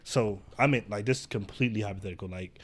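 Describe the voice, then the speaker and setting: A man's voice: lowish voice, quick pace, husky. Earnest man laying out hypotheticals. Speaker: podcast co-host. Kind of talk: casual chat.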